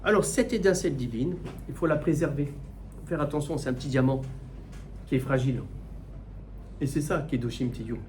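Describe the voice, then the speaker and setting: A middle-aged man, a rabbi, giving a Torah class in with mixed in, animated and full of rhetorical questions. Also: medium pitch, normal speed, long pauses, slight background noise. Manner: animated, rhetorical questions, repeats words while searching. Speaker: rabbi teaching the weekly portion. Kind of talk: Torah class, spoken teaching.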